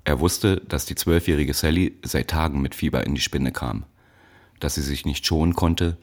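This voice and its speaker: A man narrates a story in a measured, dramatic audiobook style. His voice sits extremely low and deep. He reads the tense scenes steadily.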